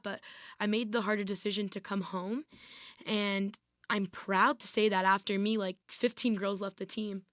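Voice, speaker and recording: This podcast guest, a varsity athlete in her twenties, recounts what happened to her in a casual way full of "like" and "I was like". Her voice is medium-pitched with a fairly bright tone, and the clean studio sound has no echo.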